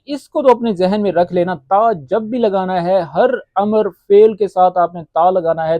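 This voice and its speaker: A man teaching spoken phrases, saying each one slowly and checking in often with "theek hai". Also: high-pitched, mellow, dry recording. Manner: slow, deliberate spelling-out of phrases. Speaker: Arabic teacher.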